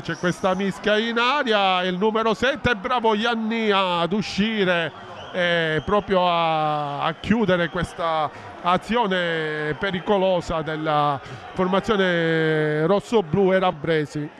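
High-pitched, breathless male football commentator. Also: fairly bright tone. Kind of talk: excited Italian football highlights commentary. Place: outdoor football stadium. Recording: noisy open-air stadium ambience.

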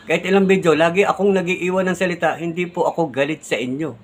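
A man's voice: a little high, fairly even intonation, fast. Man, vlogger, casual defensive talk to viewers, repetitive, polite tag questions. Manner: defensive, repeats himself, tags lines with "no?" and "di ba?"; polite, uses the respectful "po" often.

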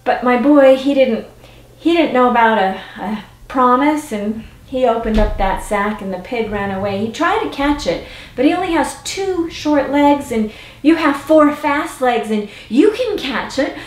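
A flustered village mother, as a woman storyteller puts her on, stumbling over her words as she pleads and apologizes. Her voice is high and unhurried, with a roomy ring and a soft autoharp behind it. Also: animated, recorded from a distance. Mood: pleading.

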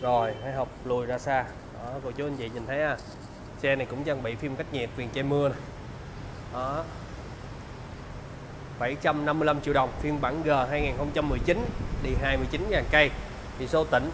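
A man in his thirties with a southern Vietnamese accent, giving a used car salesman's walkaround pitch in polite, repetitive sales patter. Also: fairly even intonation, a little fast, pauses often, noisy background. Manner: salesman's patter, polite address and repeated selling points. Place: large open car service bay.

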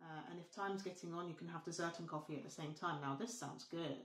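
A woman's voice: on the low side, quick pace, reverberant. A woman co-hosting a casual vlog, chatting and reading recipes out aloud. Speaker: vlog co-host. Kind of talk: casual chat.

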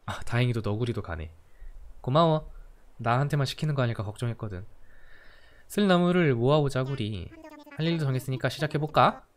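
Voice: mid-range voice, expressive, brisk, pauses often. A game streamer chatting casually while playing, playful and teasing, cursing in jest and gushing over cute characters. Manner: playful, teasing, swears jokingly, gushes over cute things. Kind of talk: casual let's-play chat.

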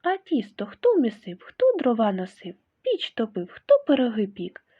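A woman's voice: fairly high pitch, wildly swooping pitch, normal speed, breathy edge, heavily acted. A woman voicing a hardworking rooster who speaks firmly and scolds, in a children's tale. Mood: stern. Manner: firm, scolding. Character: hardworking stern little rooster. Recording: tinny phone-like sound.

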